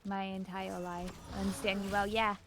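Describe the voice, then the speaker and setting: A woman with a speech impediment that softens her R's into W's, chatting casually on a game stream. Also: medium pitch, level tone, normal speed.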